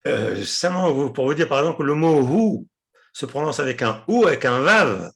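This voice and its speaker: A man teaching a class, explaining patiently, repeating words and pausing often with hesitations. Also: medium pitch, animated, gravelly. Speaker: Hebrew teacher.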